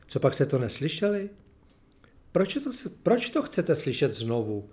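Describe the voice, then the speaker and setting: A man's voice: on the high side, sing-song, darkish tone. Man reading scripture, then musing aloud. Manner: plain, unhurried reading, then searching, hesitant talk with fillers. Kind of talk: Bible reading followed by personal reflection.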